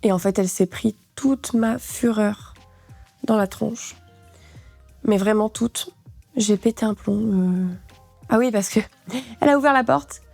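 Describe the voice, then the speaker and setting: A woman's voice: fairly high pitch, unhurried, vocal fry, long pauses, dry recording, faint music behind. A woman vlogger telling a personal story with lots of energy, acting out the dialogue. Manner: animated, acts out dialogue. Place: studio.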